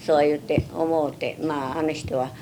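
An elderly Japanese woman speaks in a low voice with a western Japanese dialect. She reminisces plainly and haltingly, as an interviewee would, with a little noise on the recording. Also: steady tone. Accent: western Japanese, Chugoku dialect. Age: 70s or older. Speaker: oral history interviewee.

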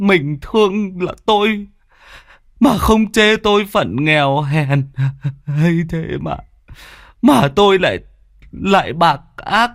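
A man voicing a remorseful, weak-willed middle-aged husband who speaks in a halting, sobbing way. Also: on the low side, a little mellow, dry recording, studio quality.

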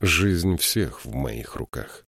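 A man reading the lines of a weary, haunted prince in a slow, grave way. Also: sits low, animated, a little mellow, dry recording, studio quality. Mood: brooding.

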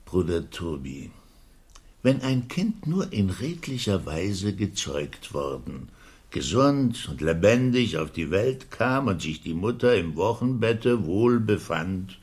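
An actor playing a pompous, learned old man in a classic radio play, speaking in a measured way. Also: deep voice, sing-song, a little mellow, breathy edge, heavily acted. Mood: lecturing.

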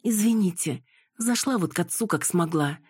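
A woman reader voicing a defiant young daughter, raised in pitch and urgent in manner. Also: sing-song, normal speed, breathy edge, dry recording, studio quality. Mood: apologetic. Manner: pleading, then shouting in alarm.

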